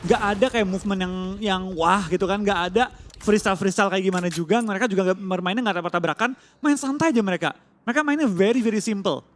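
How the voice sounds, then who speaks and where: A man's voice: high-pitched, fast talker, a little hiss or hum. A man commentating on an esports match as co-caster, explaining tactics in slangy speech. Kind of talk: live esports commentary and analysis.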